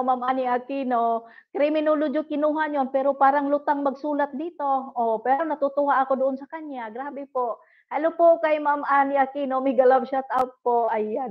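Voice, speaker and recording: Woman, middle-aged, livestream host, casual chat, giggly, high voice, muffled lo-fi audio. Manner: giggly, polite and chatty, with frequent laughs. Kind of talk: casual live chat reading viewer comments.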